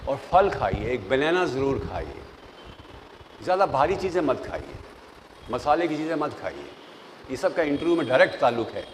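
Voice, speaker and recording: An older man, a professor, giving lively classroom advice, telling stories and acting out the voices of people in them. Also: medium pitch, normal speed, long pauses. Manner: animated, storytelling, mixes English phrases, acts out quoted voices. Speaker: professor giving interview tips. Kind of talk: classroom lecture. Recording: long reverb, faint noise.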